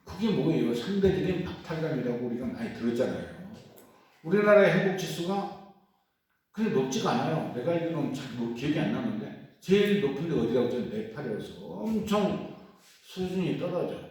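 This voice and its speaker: A middle-aged man giving a catechism lecture in a church hall, animated and acting out prayers in quoted voices. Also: fairly high pitch, brisk. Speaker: catechism teacher. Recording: very echoey room, voice from far off.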